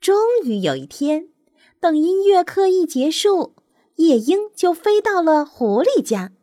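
Gentle, high-voiced woman storyteller. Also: very animated, a little slow, no room sound, clean studio sound. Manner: gentle, soothing, motherly. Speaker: children's storyteller. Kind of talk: bedtime story narration.

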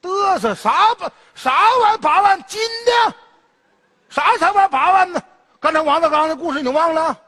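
An actor playing a stingy, loud-mouthed rural cousin visiting the city, teasing and quick-witted in a Northeast Chinese accent. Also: male voice, very high voice, animated, big-room sound, full character voice. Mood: bantering. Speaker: comedy sketch performer. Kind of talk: comedy sketch dialogue.

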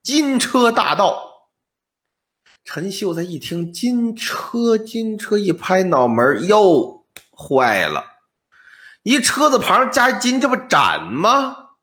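A man telling an old ghost tale in a casual, animated way. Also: high voice, slow pace. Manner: conversational, animated storyteller. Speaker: storytelling podcast host.

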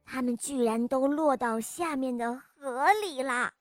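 A woman narrating a children's story with a lively, expressive reading. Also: sits high, a little slow, faint music behind.

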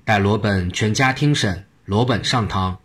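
A man voicing a stern, commanding new high judge in a told story. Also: measured pace, a bit bright, breathy edge. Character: stern newly appointed male high judge.

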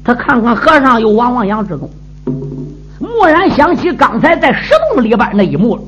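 A male traditional storyteller with a dramatic delivery and a very animated pitch. The sound is dull and lo-fi, and instrumental music is clearly audible behind him. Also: moderate pace. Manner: lively, dramatic.

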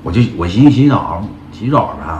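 A man's voice: low-pitched, animated, fairly quick, gravelly, a little mellow, muffled recording, slight background noise. A man casually tells a rambling personal story, full of slang and calling his listeners brothers. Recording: echoey room with guitar music.

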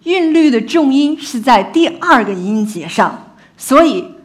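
A woman scientist giving a public talk on infant language learning in a lively, engaging way, often putting questions to the audience. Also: sits high, unhurried.

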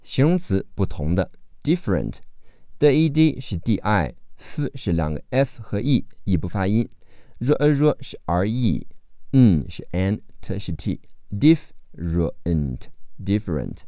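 Slow, mellow male teacher. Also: fairly low pitch, very animated, dry recording. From China. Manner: slow, deliberate spelling out of sounds and letters. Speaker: English teacher. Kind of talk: phonics vocabulary lesson.

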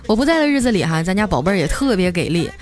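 A woman's voice: on the low side, sing-song, racing. A woman hosts a comic storytelling podcast, chatty and joking. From Northeast China. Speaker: podcast host. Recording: music bed under the voice.

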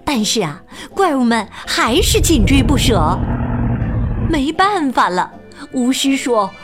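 A woman reading a picture book aloud to children, slow, lilting and expressive. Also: high voice. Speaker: children's storyteller. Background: faint music.

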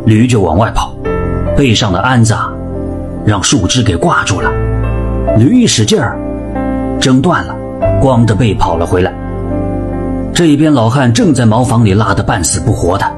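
A man narrating a comic folk tale in a dramatic, lively storytelling manner. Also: on the low side, moderate pace, pauses often. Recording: music bed behind voice.

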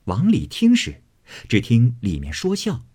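A man giving an expressive dramatic reading of a classic novel as storyteller. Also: measured pace, slightly rough. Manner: expressive, swinging pitch.

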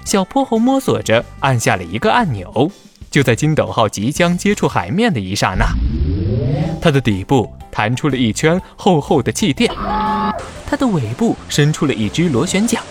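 A man narrating a scripted children's story in a dramatic, expressive way. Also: medium pitch, normal speed, faint music behind.

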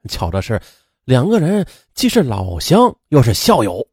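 A man's voice: mid-range voice, wildly swooping pitch, measured pace, slightly rough, no room sound, studio quality. A man narrating a true crime story in a dramatic, emphatic, explanatory way, with conversational asides.

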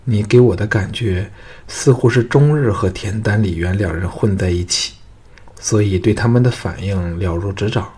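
A man reading the lines of a bold young hero in a storybook, earnest and wry, with a low, husky voice. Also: normal speed, darkish tone.

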